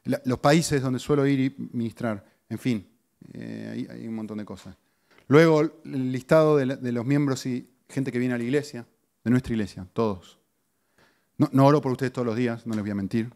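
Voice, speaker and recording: A middle-aged man, a pastor giving a conversational sermon to his congregation with lively rises in pitch and asides to the listeners. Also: normal speed, creaky. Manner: conversational teaching, animated pitch swings, audience asides.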